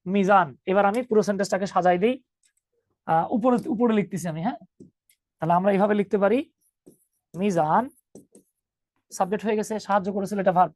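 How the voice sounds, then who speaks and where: A man's voice: high-pitched, a little mellow, no echo. A man teaching an online English grammar class, joking with students and calling them 'baba'.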